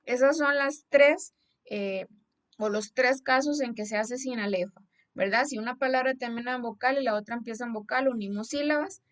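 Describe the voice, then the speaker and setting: A young woman teacher with a Costa Rican accent, speaking in a fairly high voice. She works through the lesson patiently, one step at a time, and often stops to check that her students are following. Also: normal speed. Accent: Costa Rican Spanish. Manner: patient, explanatory, asks "¿verdad?" to check understanding. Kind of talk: classroom lesson explaining a slide.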